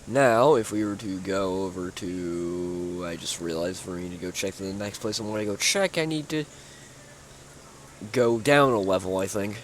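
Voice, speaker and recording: A man's voice: low-pitched, moderate pace, slight background noise. A young man giving casual, rambling commentary while touring his own build in a video game, full of fillers and restarts, sounding sleepy. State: sleepy, yawning. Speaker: gaming YouTuber. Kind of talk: casual gameplay walkthrough commentary.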